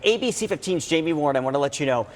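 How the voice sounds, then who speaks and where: A man's voice: a little high, animated, rapid-fire, long reverb tail. An American man presenting live television news as an anchor.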